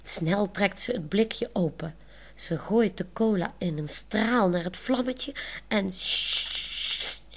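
A woman calmly narrating a children's audiobook chapter. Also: mid-range voice, slow.

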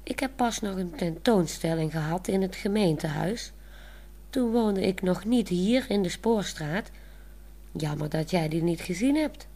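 A woman's voice: on the low side, lively intonation, unhurried, mellow. A woman voicing a proud, self-assured, talkative young woman who explains things matter-of-factly, in a storybook reading.

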